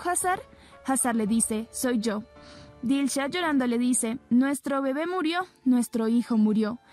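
A woman's voice: high-pitched, a little mellow. A woman narrating a recap of a TV drama episode, retelling scenes and reading the characters' lines in her own plain voice. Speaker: soap opera recap narrator.

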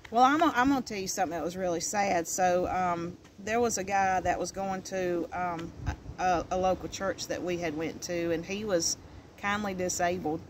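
A woman's voice: fairly low pitch, normal speed. A middle-aged woman with an Appalachian accent chatting casually outdoors in a folksy, plain-spoken way. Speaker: co-host. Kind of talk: casual chat. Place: outdoors in a wooded yard. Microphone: camera a few feet away. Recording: noisy outdoor recording.

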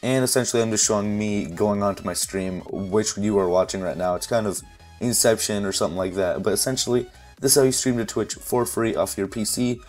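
A man with a hoarse, fading voice casually talking viewers step by step through a software setup at his computer mic. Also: lowish voice, brisk, soft background music. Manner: relaxed, step-by-step, leans on "essentially" and "uh". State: hoarse, voice fading after losing it. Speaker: tutorial youtuber. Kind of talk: casual screen-recording tutorial.

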